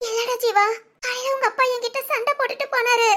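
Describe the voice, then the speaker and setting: A woman voicing a worried middle-aged village mother in an animated family drama, talking in an anxious, hushed, pleading way. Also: very high voice, quick pace, faint music behind.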